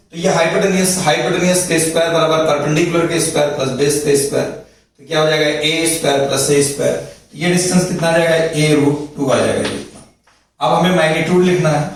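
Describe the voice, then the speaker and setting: A man's voice: on the high side, fairly quick. A man teaching physics in a lecture, explaining step by step and often checking that students follow. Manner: explains step by step, repeats points, checks with "thik hai". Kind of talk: classroom lecture at a board. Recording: very echoey room, mic far off.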